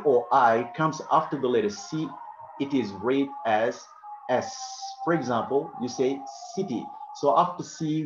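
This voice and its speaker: A man's voice: medium pitch, background noise. Man teaching pronunciation in a roomy classroom. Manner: repeats each example word, ends points with "okay?". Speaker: English teacher. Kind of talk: pronunciation lesson. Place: classroom writing on a board. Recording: roomy, dull classroom audio.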